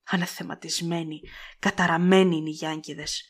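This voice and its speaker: Woman putting on a fiery young lady, biting and sarcastic, husky audiobook read. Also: lowish voice, fairly even intonation. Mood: scornful. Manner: curt, sarcastic, heated. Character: sharp-tongued fiery young Southern lady.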